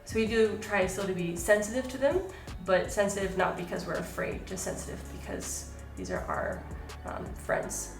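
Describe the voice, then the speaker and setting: A woman's voice: mid-range voice, moderate pace, few pauses, far from the mic, music in the background. A woman co-hosting as a missionary, explaining things earnestly in casual chat and often saying "like". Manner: earnest, filler-heavy with "like". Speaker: missionary co-host. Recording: echoey room, voice a bit off-mic.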